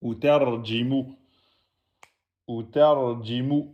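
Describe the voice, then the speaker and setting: A man's voice: mid-range voice, steady tone, very slow, narrow, tinny audio. A man teaching the Arabic alphabet, patiently correcting written exercises and spelling out each letter and vowel aloud. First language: French-speaking audience.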